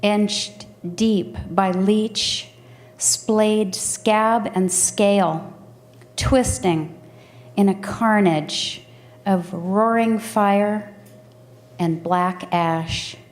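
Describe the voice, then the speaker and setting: A woman reading poems aloud in a slow, deliberate recitation. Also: mid-range voice. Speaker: poetry reader.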